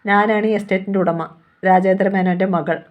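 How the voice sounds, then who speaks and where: A woman's voice: medium pitch, fairly even intonation, moderate pace, natural voice. Woman reading as a defiant young heiress. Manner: accusing, demanding.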